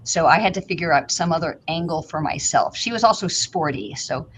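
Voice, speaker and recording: Brief: woman from St. Louis, chatty interview guest, lower voice, faint hiss on a remote call. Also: animated, a little fast, rough recording. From St. Louis, Missouri, USA. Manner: humble, chatty, many "um" fillers. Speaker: guest physician. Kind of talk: conversational interview answers. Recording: remote video call, faint background noise.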